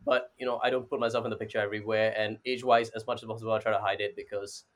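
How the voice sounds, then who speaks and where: Rapid-fire and fairly flat in pitch, a lowish-voiced Singaporean man in his twenties answers informally as an interview guest. He advises startups and repeatedly drops "you know" into his speech.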